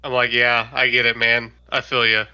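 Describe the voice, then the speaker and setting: Very bright-voiced man playing a tabletop game. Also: mid-range voice, flat delivery, moderate pace, smooth, lo-fi sound. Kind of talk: casual in-character role-play.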